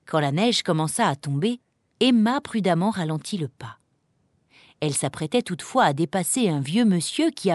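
A woman narrating a children's Christmas story aloud in an expressive, lively storybook reading. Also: mid-range voice, dry recording. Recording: dry close recording.

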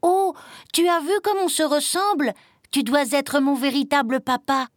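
A woman voicing a small, lonely green chick who pleads eagerly in a high voice. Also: unhurried, dry recording, clean studio sound. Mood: pleading.

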